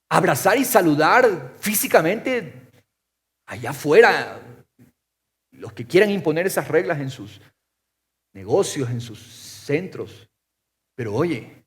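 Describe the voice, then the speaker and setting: A man preaching a sermon as pastor, firing off rhetorical questions and swinging from loud to soft. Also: fairly high pitch. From Ecuador.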